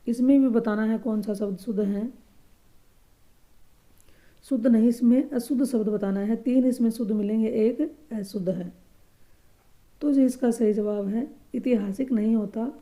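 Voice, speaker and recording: A woman teaching a grammar lesson for exam preparation, patiently explaining answers and repeating each correct word slowly and softly. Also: mid-range voice.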